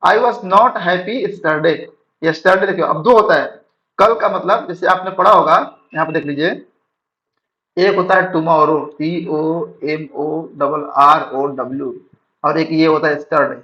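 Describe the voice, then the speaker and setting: A man teaching English grammar in Hindi, reading sentences slowly and checking his students follow. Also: on the high side, fairly even intonation, bright, forceful tone. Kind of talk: classroom-style grammar lesson. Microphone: writing on a board while talking. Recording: dull lo-fi sound.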